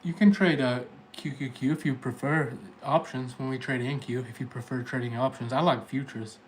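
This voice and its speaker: A man's voice: medium pitch, fairly even intonation, moderate pace, poor audio. Guy with a tennessee accent chatting to his livestream, bit of noise behind him. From Tennessee, United States. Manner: informal, talking directly to chat viewers. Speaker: livestream host, day trader. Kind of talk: casual livestream chat.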